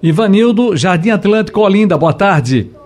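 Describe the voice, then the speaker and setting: A male radio host who briskly takes callers and guides them along. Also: high voice, animated, a little mellow. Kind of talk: radio call-in hosting.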